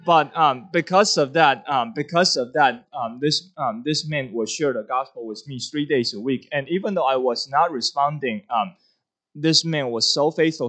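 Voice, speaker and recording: A man's voice: mid-range voice, fairly bright tone. Earnest man from Taiwan giving testimony. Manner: earnest, halting with many fillers. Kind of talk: church testimony.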